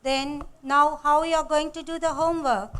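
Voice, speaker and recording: A woman's voice: high-pitched, steady tone, normal speed, bright, forceful tone, faint music behind. A woman with a Telugu Indian accent acting as a nagging, exasperated mother in an amateur skit. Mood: scolding. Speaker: actor in an amateur children's moral skit.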